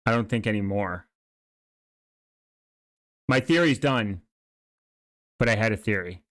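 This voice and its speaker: A man giving casual, rambling commentary, speaking haltingly and often trailing off or restarting mid-thought. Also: on the low side, lively intonation, fairly bright tone, no echo, studio quality. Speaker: streamer reacting to online videos and channels.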